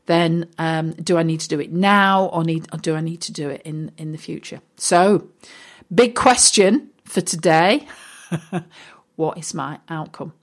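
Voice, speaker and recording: A woman's voice: low-pitched, measured pace. A woman talking casually as a business coach and host, chatty with many fillers and restarts. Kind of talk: casual solo talk.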